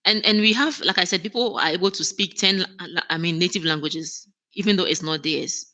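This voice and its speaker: Her pitch is fairly low and her delivery brisk, with a bright, forceful tone. As an operations manager guesting in a conversational interview, she speaks earnestly, frequently starting sentences over and laughing readily.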